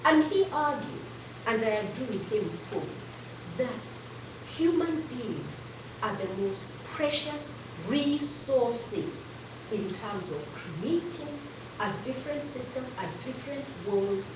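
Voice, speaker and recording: A woman's voice: fairly high pitch, animated, slow pace. A woman from Kenya, an educator and activist, giving an earnest public talk with frequent fillers. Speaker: guest speaker, educator and activist. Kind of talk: public talk to a community audience. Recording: echoey hall, distant mic, background noise.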